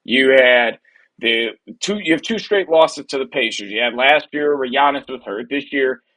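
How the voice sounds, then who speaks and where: A man in his thirties from Wisconsin co-hosting a casual sports podcast, talking energetically in quick bursts and laughing often. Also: medium pitch, sharp tone. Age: 30s. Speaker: podcast co-host.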